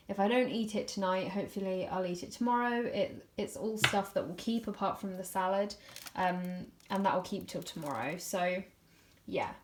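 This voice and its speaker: A young woman in her twenties chatting casually in a vlog, tired and out of breath, laughing often between fillers. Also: medium pitch. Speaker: vlogger.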